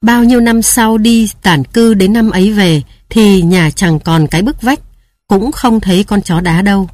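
A woman narrating a story in a calm, measured reading voice. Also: medium pitch, no room sound.

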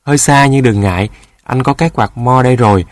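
A man's voice: mid-range voice, brisk, no room sound, natural voice. A man voicing a proud, friendly boy of about twelve in a storybook, a bit boastful. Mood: cocky.

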